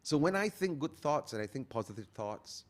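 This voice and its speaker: A man, talking earnestly as a guest and slowing down to stress his key phrases. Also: on the high side, big pitch swings. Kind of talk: motivational interview talk.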